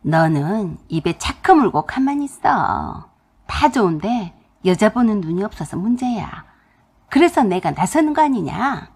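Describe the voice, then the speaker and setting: A woman voicing a harsh, money-minded older mother-in-law who scolds loudly and interrogates, in a husky voice. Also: medium pitch, sing-song, a little slow, heavily acted. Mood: scolding.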